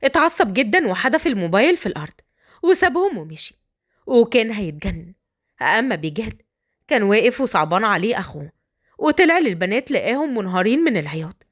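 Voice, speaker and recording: Egyptian woman storyteller, fast, lively pitch, dramatic narration.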